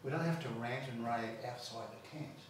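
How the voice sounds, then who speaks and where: A man's voice: medium pitch, normal speed, background noise. Aussie pastor guy preaching, repeats himself as he builds up, sounds far from the mic in a really echoey church. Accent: Australian. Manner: emphatic, repeats words while building points. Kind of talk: sermon.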